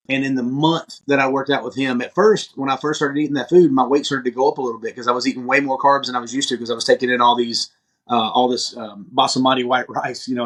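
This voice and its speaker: A man talks quickly as a podcast guest, recounting his experiences in an easygoing, conversational way. He is a lively storyteller who slips into the voices of the people he quotes, and his pitch sits at an ordinary middle level. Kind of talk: casual interview storytelling.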